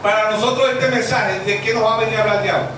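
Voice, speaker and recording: A man preaches in a high voice and keeps asking his congregation to answer "yes or no?" He is recorded from far back in a strongly echoing church. Steady noise runs under the whole recording. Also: fast talker. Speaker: pastor. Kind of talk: evangelical sermon. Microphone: distant mic. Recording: echoey church from far off, noisy.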